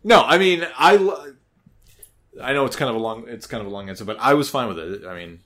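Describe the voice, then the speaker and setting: A man in his thirties hosting a podcast, talking in a casual, animated way, swearing freely and restarting often. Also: medium pitch, brisk. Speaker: podcast host. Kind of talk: casual chat.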